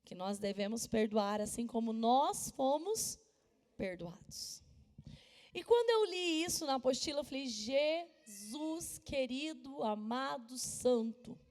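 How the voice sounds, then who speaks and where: Animated woman pastor in echoing church. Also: on the high side, measured pace. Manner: animated, emphatic storytelling, drops to soft voice for quotes. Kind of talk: sermon with personal story. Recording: long reverb of a church hall.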